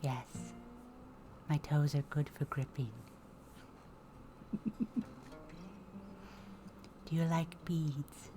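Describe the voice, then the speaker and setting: A woman voices an odd mutant woman who keeps poking at others with blunt, playful questions. The voice sits very low and moves slowly and deliberately. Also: steady tone, over music. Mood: curious. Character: odd, curious mutated woman with gripping toes.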